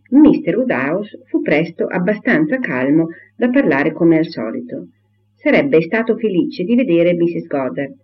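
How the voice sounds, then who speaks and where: A man narrates a classic novel in a measured, steady reading. His voice sits somewhat high for a man. The recording is thin and tinny, like a phone line. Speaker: audiobook reader.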